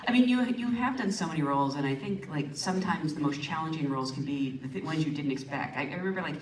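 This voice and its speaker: Low-voiced woman moderating in a hall. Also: animated, fast talker, slight background noise. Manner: curious, conversational questioning. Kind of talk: stage interview questions. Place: large auditorium. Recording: echoey hall from far off.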